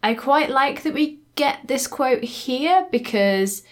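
A woman's voice: high-pitched, takes it slowly. Chatty woman podcast co-host. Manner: chatty and explanatory, laughs easily. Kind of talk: casual chat.

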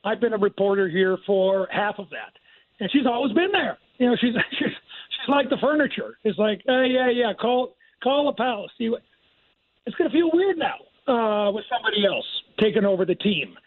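Older guy reporter phoning in, high voice, thoughtful, tinny phone line, dry. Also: animated, husky, no echo. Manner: measured and reflective. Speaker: news correspondent abroad. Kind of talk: live phone-in news report.

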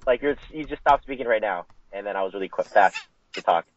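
A man's voice: lowish voice, quick pace, dry recording. A man co-hosting a casual podcast from a remote line, his voice sounding tinny and metallic, as if from inside a tin can, joking and laughing through his words. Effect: tinny, metallic sound, like talking from inside a tin can. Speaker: co-host.

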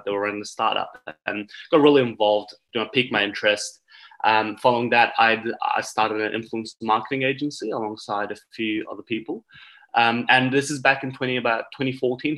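A young man from Turkey, a marketing guest on a podcast, talking in a relaxed way with lots of uh and you know. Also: medium pitch, poor audio. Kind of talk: casual interview.

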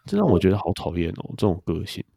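A man's voice: sits low, sing-song, quick pace, gravelly, mellow, breathy edge, dry recording, studio quality. A young man, chatting casually as a podcast co-host and telling stories. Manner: chatty storyteller. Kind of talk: casual chat.

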